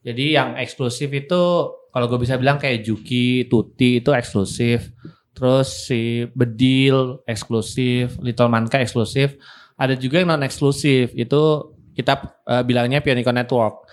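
A man's voice: mid-range voice, little pitch movement, moderate pace. A man talking casually as a podcast guest, congested with a cold and nasal, as if his nose were pinched. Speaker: podcast guest, comics industry practitioner. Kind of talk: casual interview talk.

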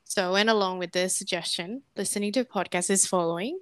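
A woman's voice: mid-range voice, a little fast, clean tone, no room sound. A woman in her early thirties, from Indonesia, co-hosting a casual podcast and telling stories in an easygoing, chatty way. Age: early 30s. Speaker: podcast co-host.

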